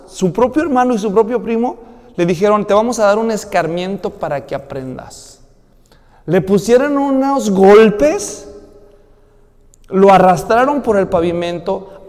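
A male pastor with a Mexican accent delivers a sermon in a high, ringing voice. He tells the story vividly and slips into the voices of its characters. The sound carries a long reverb, as in a large hall. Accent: Mexican Spanish. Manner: animated storytelling, acting out voices.

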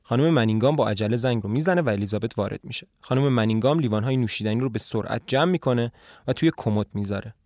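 A man narrating a play in an even, storytelling manner. His voice sits at an ordinary mid pitch. It is recorded close and dry, with no room echo. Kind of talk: scripted narration.

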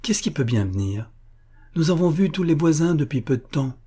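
A man's voice: fairly high pitch, moderate pace, husky, voice pushed up. A man doing an eager old maidservant. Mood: eager, indignant. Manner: eager, excited calls. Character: old grey-haired maidservant, eager and loyal.

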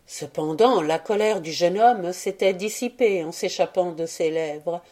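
A woman narrating a classic short story aloud in a measured literary reading. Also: lowish voice, mellow. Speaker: audiobook reader. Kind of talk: scripted narration.

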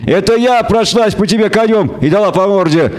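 A man's voice: sits high, fairly quick, a little mellow, pitched above the performer's own voice, natural voice. A man voicing a fierce, scornful young female elf warrior who hisses her threats at a bound captive. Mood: hissing scorn. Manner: hissing, contemptuous.

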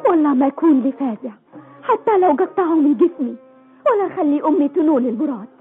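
Very high voiced headstrong young girl, radio play, thin phone-like old recording. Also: animated, quick pace, faint music behind. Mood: defiant. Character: defiant, tearful young Bedouin woman, headstrong and dreamy. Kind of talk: Arabic radio drama acting.

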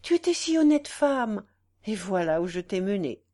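A woman playing a guilt-stricken aristocratic mother from a classic novel, pleading in a raised, emotional voice. The pitch moves widely as she laments, read aloud as an audiobook. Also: sing-song, normal speed, warm tone, close to an everyday voice. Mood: remorseful.

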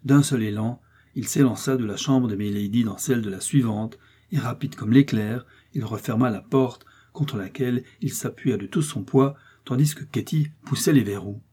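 A man narrating a classic novel aloud, expressive and rising with the action. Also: mid-range voice, normal speed, slightly rough. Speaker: audiobook narrator. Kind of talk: dramatic novel reading.

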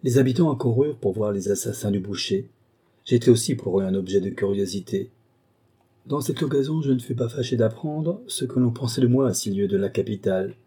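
A man reading a memoir aloud as audiobook narrator in a measured storytelling tone. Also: mid-range voice, dark tone, slightly rough. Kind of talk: scripted narration.

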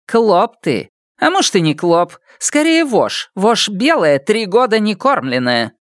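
A reader voicing a sharp-tongued, spiteful woman boss who heaps abuse on her relatives, in an audiobook. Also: mid-range voice, very animated, measured pace, no room sound, clean studio sound, pitched above the performer's own voice. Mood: screaming fury. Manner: scornful, abusive tirades. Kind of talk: audiobook character voice.

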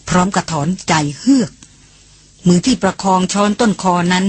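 Male audiobook narrator, steady and expressive, husky and high-pitched. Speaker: audiobook reader. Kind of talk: scripted narration.

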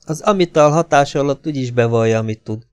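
A man voicing a cool, curt male American agent who asks his questions in short, flat sentences. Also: mid-range voice, clean tone, dry recording, faint music behind, voice pushed up, close to an everyday voice. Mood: cold. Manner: terse and flat.

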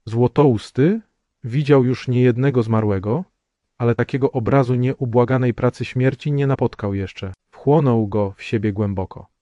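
A man reading a novel aloud in a measured, solemn narration. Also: medium pitch, dark tone, no echo, dull audio. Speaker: audiobook narrator. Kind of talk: scripted narration.

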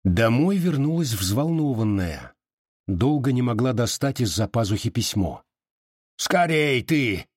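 Husky male audiobook narrator. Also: medium pitch, no room sound, studio quality. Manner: measured, expressive reading.

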